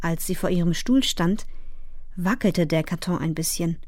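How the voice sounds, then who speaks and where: A woman narrating a children's storybook in a calm, even storytelling voice. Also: lowish voice, moderate pace, no echo, clean studio sound. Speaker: audiobook narrator.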